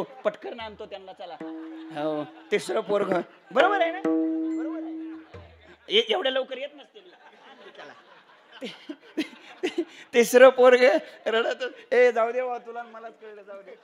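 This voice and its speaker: High-pitched man preaching a comic kirtan. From Maharashtra. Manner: humorous, teasing rhetorical questions to the audience; animated, acts out the characters in his story. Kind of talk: kirtan sermon with comic storytelling.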